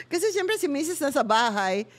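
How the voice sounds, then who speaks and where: A middle-aged woman with a Filipino accent hosting a talk show, chatting casually in Tagalog and English. She tells stories with lots of laughter and often jumps up into high voices when she quotes people. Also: sing-song, measured pace.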